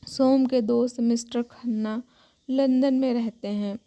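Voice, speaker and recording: Higher-pitched woman narrating a family story. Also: steady tone, measured pace, warm tone, highs cut off. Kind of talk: scripted narration of an emotional Hindi family story.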